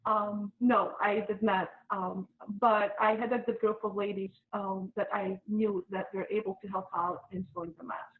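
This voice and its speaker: A woman's voice: mid-range voice, flat delivery, moderate pace, few pauses. A middle-aged woman from Bosnia and Herzegovina, interviewed as a guest, speaking hesitantly with many fillers and restarts. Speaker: interview guest, volunteer mask maker. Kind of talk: casual interview. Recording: tinny phone-like line.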